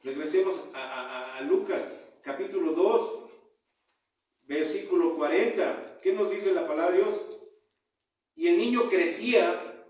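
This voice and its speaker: A man delivers a slow, unhurried sermon in a fairly high voice, calling his listeners brothers and swinging between loud emphasis and hushed endings. He stands some way from the mic in a church hall, so the sound reaches the recording heavily echoed. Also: recorded from a distance. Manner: repeatedly addresses listeners as brothers, voice swelling and dropping. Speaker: preacher.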